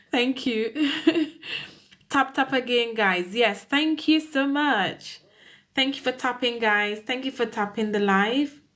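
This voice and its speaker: A woman's voice: a little high, measured pace, fairly bright tone. A woman with a Caribbean accent, an immigration solicitor chatting casually on a live stream, greeting viewers by name and laughing often.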